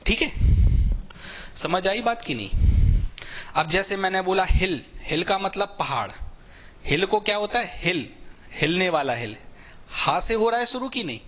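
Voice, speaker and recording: A man's voice: sits high, sing-song, unhurried, pauses often, sharp tone, dull audio, slight background noise. Man teaching English in Hindi. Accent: Indian English. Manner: explains in Hindi with English words, asks rhetorical questions often. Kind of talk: online exam-prep class.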